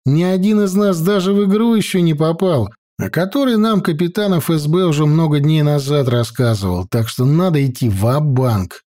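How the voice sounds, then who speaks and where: A man narrating a first-person audiobook with lively storytelling intonation. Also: fairly high pitch, moderate pace, few pauses.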